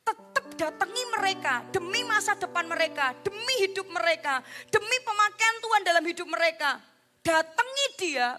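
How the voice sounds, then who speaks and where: Woman pastor, sermon delivery, animated, dips to near-whisper; high voice; music bed behind. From Indonesia. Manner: animated preaching, acts out parent and child voices; drops to a soft near-whisper at times. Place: church. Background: background music.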